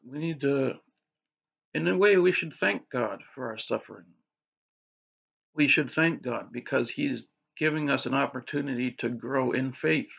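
A man with hiccups rambles casually to the camera about his faith, restarting sentences and using lots of filler words. His mid-range voice is husky and gravelly with a fairly bright tone, a little slow and broken by frequent pauses. The lo-fi audio sounds dull.

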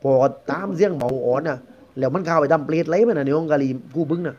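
A man's voice: on the high side, quick pace, darkish tone. A man with a Southern Thai accent telling a ghost story in a chatty, rambling, conversational way. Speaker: guest storyteller. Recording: dull lo-fi recording.

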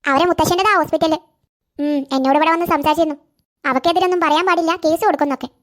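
A woman's voice: sits high, steady tone, a bit bright. A woman voicing a scheming, boastful stepmother in a cartoon, scornful in her talk. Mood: spiteful. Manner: boastful, scornful, rapid-fire. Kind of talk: cartoon voice acting.

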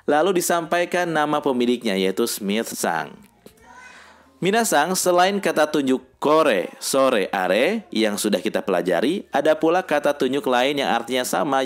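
A man narrating a scripted language lesson, reading sample sentences slowly and deliberately. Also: medium pitch. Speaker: language teacher.

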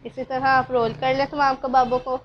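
A woman with a Pakistani Urdu accent narrates a home recipe step by step, talking straight to her viewers. Her voice sits high and her manner stays calm and instructive. The recording is slightly muffled, with a faint hum of the room behind her. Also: moderate pace. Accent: Urdu-speaking Pakistani. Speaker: cooking channel host. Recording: dull lo-fi sound, faint room ambience.

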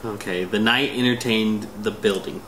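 A man's voice: fairly low pitch, fairly even intonation, moderate pace, fairly bright tone, echoey room. A man in his thirties chatting casually and repeating phrases in a challenge video. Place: small indoor room at a table. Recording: very noisy home room recording.

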